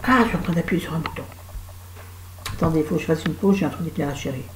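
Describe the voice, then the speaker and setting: Woman, has a cold, sore throat, lower voice, rambling self-mocking vlog, echoey room. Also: fast talker, slight background noise. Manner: self-mocking, digressive, talks to viewers. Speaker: vlogger.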